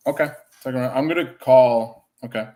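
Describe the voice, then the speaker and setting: A man's voice: mid-range voice, brisk, dark tone. A man with a Wisconsin accent hosting a casual podcast chat, rambling through thoughts with frequent restarts. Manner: rambling, many restarts and fillers. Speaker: podcast host.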